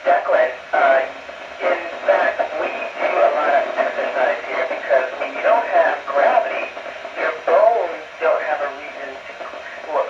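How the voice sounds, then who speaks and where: A man speaks over a space radio link in a slightly high voice, answering questions as an astronaut would from orbit. He explains plainly and pauses as he goes. The sound is muffled, echoey and distant. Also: background noise. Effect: space radio transmission. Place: aboard a space station. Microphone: ham radio.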